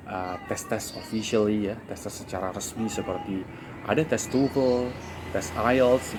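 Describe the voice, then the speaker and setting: A man's voice: on the low side, noisy background. A man explaining an English lesson in a casual, repetitive way with many fillers. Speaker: English teacher.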